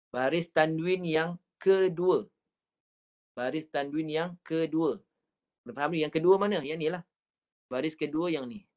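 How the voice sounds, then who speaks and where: Malaysian Malay male recitation teacher, fairly high voice, slow and repetitive, models each sound. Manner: patient, repeats points, drawn-out recited syllables. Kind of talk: online Quran recitation class.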